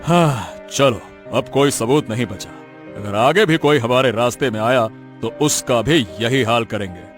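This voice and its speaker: A man's voice: medium pitch, a little slow, faint music behind, natural voice. A man voicing a greedy, scheming village headman who poaches wild animals, gloating and laughing often. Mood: menacing. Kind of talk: cartoon voice acting.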